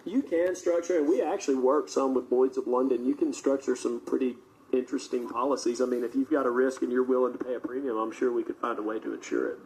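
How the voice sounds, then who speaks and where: A man with a dark, mellow voice of average pitch speaks as an expert guest on live radio. He explains in a measured but informal, conversational manner. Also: steady tone, rough recording.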